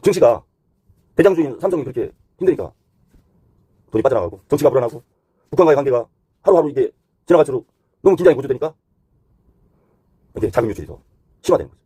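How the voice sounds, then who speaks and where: A host delivers unscripted economic and financial commentary at a very rapid pace, explaining point by point in a rough, husky voice whose pitch moves lively. He shifts between polite and blunt wording, and there's no room sound.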